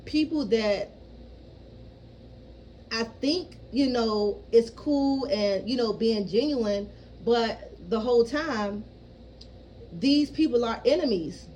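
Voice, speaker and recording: A low-quality recording with slight background noise captures a woman in her thirties whose voice is fairly high and a little mellow. She rambles frankly in a casual personal vlog, swearing freely and repeatedly asking her listeners "you know what I mean".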